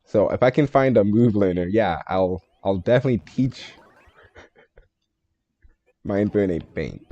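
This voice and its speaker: A man with a low, mellow voice talks through a live game stream, musing over his choices and joking at his own expense. The sound is dry and a little dull and lo-fi, like a home stream mic. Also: expressive, a little slow, no echo. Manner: thinks aloud, answers chat, joking and self-deprecating. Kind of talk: live gameplay stream commentary.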